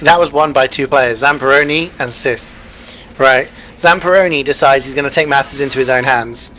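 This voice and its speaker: A man's voice: mid-range voice, normal speed, pushed and bright, a little hiss or hum, low-quality recording. A man working as an esports caster, giving live play-by-play and analysis of a match.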